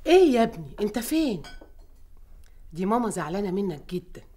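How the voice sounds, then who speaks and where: A woman's voice: medium pitch, big pitch swings, fast talker, dark tone. An actress playing a caring but firm middle-aged Egyptian mother in a TV drama set at home. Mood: reproachful. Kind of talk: naturalistic TV drama acting. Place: family home, indoors.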